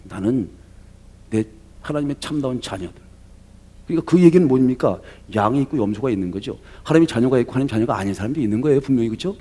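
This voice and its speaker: A male pastor giving a lively sermon, asking the congregation rhetorical questions and acting out voices from the story. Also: medium pitch, rapid-fire, few pauses, slightly rough.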